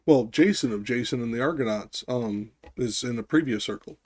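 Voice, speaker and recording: A man hosting a casual live-stream discussion who rambles, restarts his sentences, fills pauses with ums and swears now and then. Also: mid-range voice, no echo. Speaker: streamer host.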